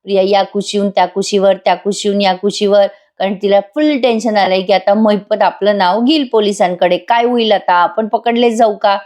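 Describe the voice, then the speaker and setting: A woman's voice: mid-range voice, fairly even intonation, moderate pace, hardly any pauses, darkish tone. A woman narrating a casual voice-over recap of a TV serial episode, chatting directly to viewers. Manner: chatty, addresses viewers, light laughs.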